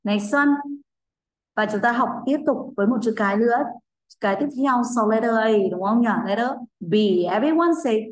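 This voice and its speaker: A Vietnamese woman teaching an English review lesson to young children. She speaks with a Vietnamese accent, cheerfully encourages the children and slowly draws out model phrases for them to repeat. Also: fairly high pitch. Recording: echoey room.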